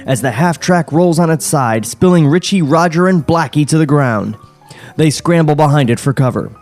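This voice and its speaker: During a script table read, the podcast host handles the stage directions with dry, wry humor, chuckles, and sarcastic asides. His slightly mellow voice is on the high side and moves at a moderate pace. The studio podcast mic picks up faint music in the background.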